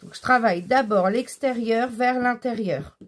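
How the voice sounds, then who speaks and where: A woman's voice: a little high, normal speed. Chatty French woman teaching crafts. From France. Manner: chatty, explains each step while working, many fillers. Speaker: craft tutorial host. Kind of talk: casual craft tutorial narration.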